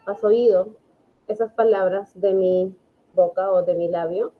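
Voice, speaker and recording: A woman's voice: medium pitch, steady tone, a little slow. Patient woman teaching over a tinny call. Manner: patient, explanatory, asks "¿no?" often. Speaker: English teacher. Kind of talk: online class explanation. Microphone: video call. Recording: phone-like online call audio.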